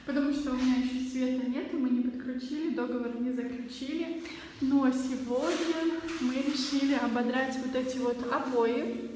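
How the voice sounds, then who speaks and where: A woman's voice: sits high, mellow. A woman casually showing around an empty apartment, her voice ringing with the strong echo of bare walls. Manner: chatty, showing things around. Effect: strong echo of a bare empty room. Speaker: vlogger. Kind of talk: casual video tour. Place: empty unfurnished apartment being renovated. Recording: echoey bare room, faint hiss.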